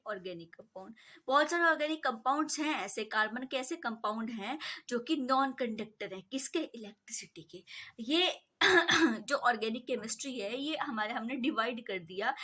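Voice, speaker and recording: A woman's voice: a little high, bright, forceful tone. A young woman, teaching a chemistry lesson to school students and asking questions that she then answers herself. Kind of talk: online class lecture.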